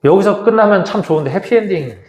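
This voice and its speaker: Priest in an echoey hall. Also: male voice, sits high, lively intonation, fast, a little mellow. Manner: conversational, vividly retelling with quoted voices. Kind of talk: Lenten lecture, storytelling.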